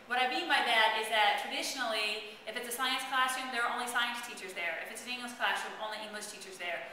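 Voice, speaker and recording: A woman school administrator speaks to students in a brisk, earnest, direct way, her voice bright and a little high. She sits well back from the microphone in a strongly echoing school room, with faint noise underneath. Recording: echoey room, far from mic, faint noise.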